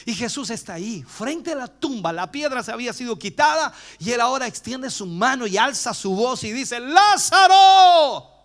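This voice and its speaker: A man with a Chilean accent preaches in a church, his voice pitched high and ranging widely as he tells the story. He swings from loud cries down to hushed whispers. He acts out the voices of the people in it as he goes. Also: animated, fairly quick, few pauses. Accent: Chilean Spanish. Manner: acts out bystanders' voices while retelling. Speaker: pastor. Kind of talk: preached sermon.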